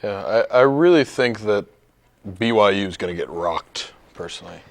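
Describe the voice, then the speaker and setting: A man's voice: on the low side, expressive, normal speed. A young man co-hosting a sports talk show, going along with his partner's jokes in a laid-back, playfully apologetic way. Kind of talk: casual sports talk banter.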